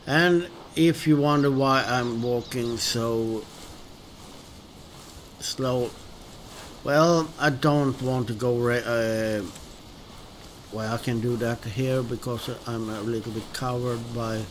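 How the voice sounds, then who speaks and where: A man with a Swedish accent talks unhurriedly through his gameplay. He has an average-pitched voice and pauses often, restarting his sentences as he thinks aloud. A faint ambient hiss sits under him. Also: fairly even intonation. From northern Sweden. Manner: hesitant and musing, many pauses and restarts. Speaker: gaming video host. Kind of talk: relaxed let's-play commentary.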